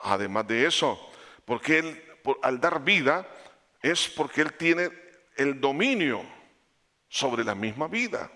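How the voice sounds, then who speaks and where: A man preaching a sermon, animated, rising for emphasis and dropping low, calling the listeners brother. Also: takes it slowly, pauses often.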